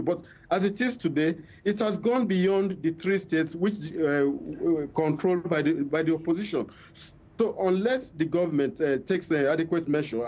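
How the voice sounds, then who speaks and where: A journalist with a Nigerian accent explains events by phone during a live news interview, often repeating words while he looks for phrasing. His voice sits high with a darkish tone.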